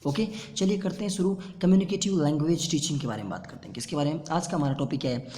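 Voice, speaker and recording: Slightly high with a dark tone, this Hindi-speaking man teaches an online exam-prep lecture, going over terms slowly to drill pronunciation. There's a bit of background noise, and the room echoes with a long reverb.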